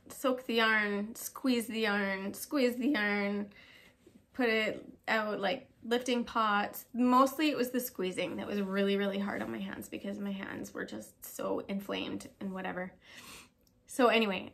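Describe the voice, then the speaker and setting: A woman's voice: mid-range voice, creaky, fairly bright tone. A woman vlogging about knitting from her home knitting room, chatting casually, self-deprecating and swearing now and then. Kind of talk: casual chat to camera.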